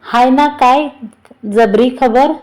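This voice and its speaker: A woman's voice: high voice, slow, a little mellow, rough recording. A woman voicing a sly rustic male informant who brags about his news, within a storybook reading. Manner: rustic speech, sly bragging.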